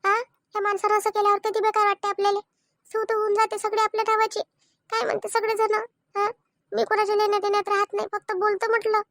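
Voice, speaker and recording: A woman voicing a very high, hurt young wife. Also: steady tone, fast talker, dry recording, clean studio sound. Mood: aggrieved. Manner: complaining, insistent. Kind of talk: cartoon family drama voice acting.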